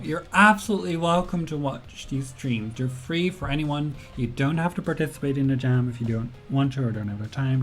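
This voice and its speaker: With a medium-pitched voice, a man running a relaxed game jam livestream chats warmly, answering viewers' questions from the chat and dropping in many ums and uhs.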